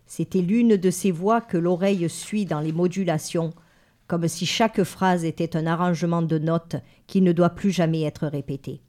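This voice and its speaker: A woman's voice: fairly low pitch, fairly even intonation, normal speed, mellow. A woman reading a novel aloud, taking turns with a male reader. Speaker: audiobook reader. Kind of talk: read-aloud literary narration.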